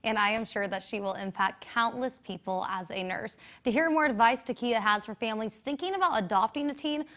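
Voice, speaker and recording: A woman's voice: a little high, brisk, hardly any pauses, a bit bright. A woman news anchor presenting a scripted story.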